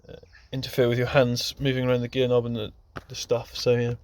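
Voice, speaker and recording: Presenting his DIY video, the car hobbyist speaks off the cuff in a fairly quick, monotone, mid-range voice with a darkish tone. He keeps things informal and pokes fun at himself, and a little hiss or hum sits under the recording.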